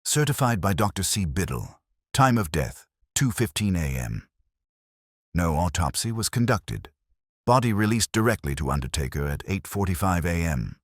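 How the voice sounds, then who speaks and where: This audiobook narrator plays a commanding Victorian detective, his extremely deep voice moving expressively with a sing-song lilt. The close, dry recording has no echo, and his grave, analytical phrasing stays exact, deliberate and deductive.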